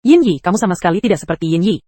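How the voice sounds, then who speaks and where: A woman's voice: on the low side, lively intonation, rapid-fire, mellow. A synthetic text-to-speech female voice narrating an anime recap, reading every character's lines in the same voice.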